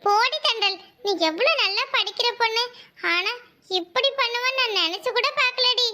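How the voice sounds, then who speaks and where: A woman's voice: very high-pitched, normal speed, pushed and bright, heavily acted. A woman voicing a teasing, bossy teenage schoolgirl friend in a cartoon, with a southern Tamil Nadu accent. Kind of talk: cartoon voice acting.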